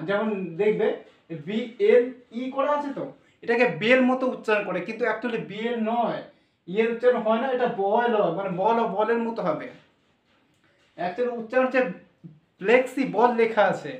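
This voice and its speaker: A man's voice: very high-pitched, moderate pace, muffled recording. A man teaching English pronunciation, explaining step by step and asking his students questions. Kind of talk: explanatory classroom lesson. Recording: echoey room, voice from far off.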